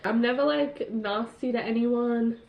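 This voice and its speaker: A woman's voice: on the high side, a little slow, vocal fry. A woman hosting a casual solo podcast, chatting with lots of "like" fillers and laughing at herself, recorded on a tablet's built-in mic. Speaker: podcast host. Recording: roomy, dull tablet recording.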